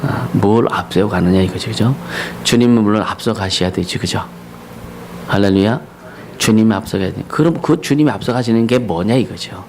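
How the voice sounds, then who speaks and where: A male pastor preaching a Sunday sermon, often asking the congregation questions and rising to loud declamation on scripture and slogans. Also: fairly low pitch, brisk, slight background noise, low-quality recording. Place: church sanctuary.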